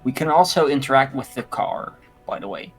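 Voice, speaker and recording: A man's voice: medium pitch, expressive, fairly quick, gravelly, faint music behind. A man giving casual commentary while playing a game, hesitant and giggly as he muses over choices. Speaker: let's-play player.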